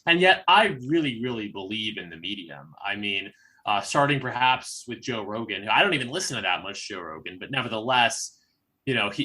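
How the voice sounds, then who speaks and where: A man co-hosting a podcast, working through an idea slowly with frequent pauses and ums. His voice sits fairly low but comes across bright and forceful. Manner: measured, thoughtful, lots of fillers. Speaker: podcast co-host. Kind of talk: casual podcast conversation.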